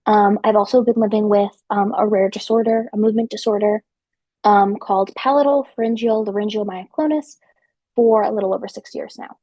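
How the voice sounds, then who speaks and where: A chatty woman in her twenties from central New Jersey tells her story as a podcast guest, dropping plenty of ums and likes along with some technical terms. Her medium-pitched voice is warm and steady and moves a little fast. The recording is dry and low in quality.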